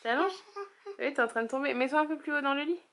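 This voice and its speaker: A woman's voice: sits high, fast, a bit bright. A woman vlogging in a casual, chatty way, full of fillers and little restarts. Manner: chatty, filler-heavy, lots of "voilà". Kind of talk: casual vlog chat.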